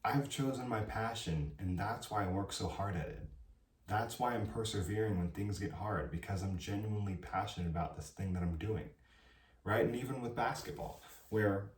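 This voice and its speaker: A man's voice: on the low side, moderate pace, roomy sound, distant mic. A young man who is a college student giving emphatic, preachy advice in a casual vlog, often asking "right?". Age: young adult. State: dry throat.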